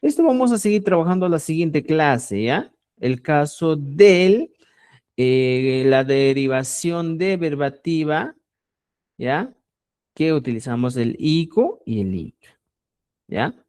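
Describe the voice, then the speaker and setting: A man's voice: on the high side, sing-song, takes it slowly, a little mellow, dry recording, clean studio sound. A man teaching a language class, explaining patiently and checking often that students follow. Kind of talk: online language lesson.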